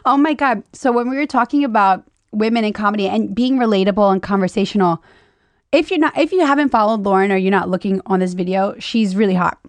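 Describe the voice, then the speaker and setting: A young woman hosting a casual chat, bubbly and quick to laugh, swearing freely. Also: mid-range voice, no room sound. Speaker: podcast host.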